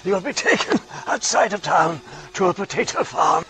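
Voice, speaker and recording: A bookstore clerk with backwards-warped speech. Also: male voice, high-pitched, sing-song, moderate pace, vocal fry, heavily acted. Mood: uneasy. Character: polite, nervous male bookstore clerk. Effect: lines spoken backwards and played in reverse, oddly warped. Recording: film soundtrack with music behind.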